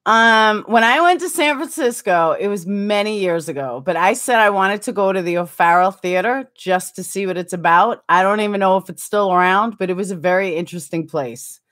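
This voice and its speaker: A woman's voice: mid-range voice, normal speed, hardly any pauses, fairly bright tone. Chatty woman in her forties streaming live. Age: 40s. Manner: chatty and self-mocking, laughs often. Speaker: livestream host. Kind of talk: casual live-stream chat, reading viewer comments. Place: small indoor room with curtains behind.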